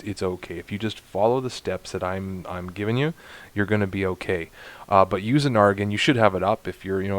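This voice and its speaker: A man narrating a space game walkthrough, explaining steps to viewers in a chatty, instructive way and getting excited at times. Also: low voice. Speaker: gaming YouTuber. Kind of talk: let's play walkthrough commentary.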